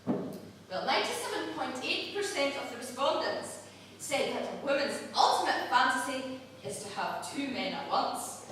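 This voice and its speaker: A woman's voice: sits high, lively intonation, moderate pace, a bit bright. A woman with a Scottish accent giving a humorous after-dinner speech with some recited verse. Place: large hall, speaking to an audience. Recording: echoey hall from far off, noisy.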